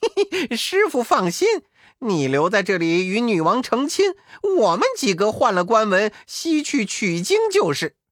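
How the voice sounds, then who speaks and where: A man voicing a cheeky, boastful male monkey king who cackles and talks in quick bursts. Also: high-pitched, huge pitch swings, a bit bright, no echo, clean studio sound, voice pushed up, exaggerated voice.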